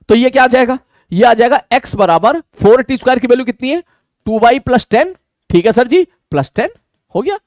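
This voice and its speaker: A man's voice: very high voice, dry recording, clean studio sound. A man teaching maths in an online lecture, talking casually and answering his own questions. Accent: Hindi.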